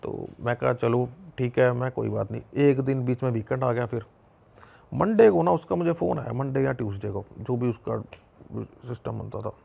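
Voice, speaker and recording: A man's voice: medium pitch, moderate pace, creaky, dark tone. A young man with a Punjabi accent telling a personal story in casual conversation, repeating himself and acting out the dialogue. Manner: conversational, lots of repetition and quoted dialogue. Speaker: podcast guest.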